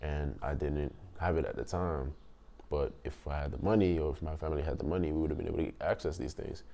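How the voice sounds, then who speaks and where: A man in his twenties from Nigeria, speaking thoughtfully in a documentary interview and pausing often to rephrase. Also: a bass voice, vocal fry, dark tone. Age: 20s.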